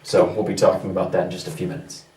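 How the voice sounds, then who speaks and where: A man's voice: low-pitched, flat delivery, fast talker, darkish tone. Man leading a jokey church talk, mic set back in a roomy church. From not Scotland. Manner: jokey back-and-forth with the congregation. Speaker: church leader giving a children's talk. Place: church hall. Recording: roomy church sound from a distance.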